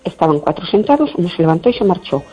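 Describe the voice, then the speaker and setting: An older woman chatting casually, telling stories in an outspoken, indignant way and often clearing her throat. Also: lowish voice, sing-song, rapid-fire, mellow. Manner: outspoken, indignant, acts out quoted dialogue. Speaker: guest in a conversation. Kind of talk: casual chat, storytelling. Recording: dull lo-fi recording, faint music behind.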